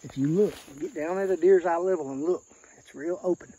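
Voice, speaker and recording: A man from Arkansas explains deer scouting in the woods in a casual vlog, folksy and plain in his Southern accent, pointing things out as he goes. His voice is a little high and fairly quick, dark with a breathy edge. The outdoor field recording is muffled with no room sound, only faint natural noise.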